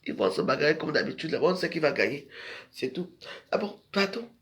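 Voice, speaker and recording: A man's voice: a little high, very animated, fairly quick, vocal fry. A man delivering a scolding, rambling monologue to his social media followers in a confrontational way. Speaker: social media video maker.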